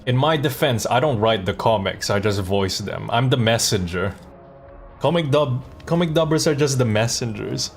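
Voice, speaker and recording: A streamer and comic dub voice actor chats informally during a livestream, thinking aloud in hesitant bursts. His mid-range voice is animated and creaky at normal speed, with soft music in the background.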